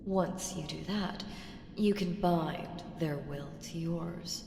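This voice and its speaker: In this ASMR roleplay audio drama, a woman gives a full character voice to an ancient evil entity, speaking slowly in a low, creaky, slightly mellow register. Her delivery is seductive, sly and taunting, instructing with a foreboding edge and dropping into ominous teasing whispers. Faint noise sits under a reverberant hall effect.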